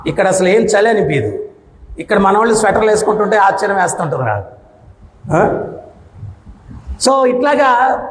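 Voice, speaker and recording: A man giving a devotional sermon to an audience, speaking loudly and often asking "hmm?" to check they follow. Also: high voice, slight background noise. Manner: loud, with frequent questioning "hmm?" to the audience. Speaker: spiritual discourse speaker. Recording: echoey hall reverb.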